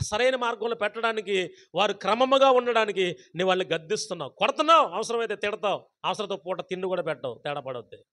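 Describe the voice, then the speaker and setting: A man's voice: sits high, bright, forceful tone. A man preaching a sermon as pastor at a prayer gathering, who asks the congregation questions and repeats scripture phrase by phrase.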